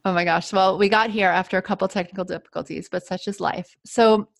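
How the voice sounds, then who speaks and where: A woman's voice: medium pitch, steady tone, a little fast, gravelly. A woman hosting a podcast in an upbeat, chatty and enthusiastic way. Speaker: podcast host. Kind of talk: casual interview chat.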